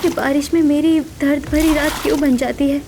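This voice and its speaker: A woman voicing a patient, overworked young sister who speaks softly and humbly in a cartoon story. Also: sits high, steady tone, moderate pace, noisy background. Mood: meek. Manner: soft-spoken, submissive, sorrowful.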